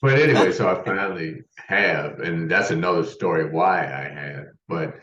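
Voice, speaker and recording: A low-pitched, fairly bright-toned American man in his sixties speaks at a moderate pace as a podcast guest. In casual interview storytelling, he rambles through his life story with many restarts, captured on a distant, roomy, muffled remote mic.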